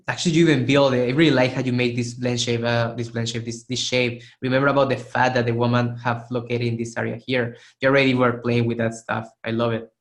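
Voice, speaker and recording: Critiquing 3D sculpts in a live online webinar, an art instructor speaks at medium pitch with a fairly bright tone, though he is hoarse, losing his voice, and keeps clearing his throat. He offers casual, encouraging feedback and frequently restarts phrases as he demonstrates.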